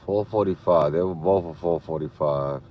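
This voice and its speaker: A man's voice: sits low, normal speed, a little mellow. A man driving for a rideshare app, tired, talking casually and muttering to himself in slangy speech as he streams live from his car. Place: inside a car at night. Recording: faint vehicle noise.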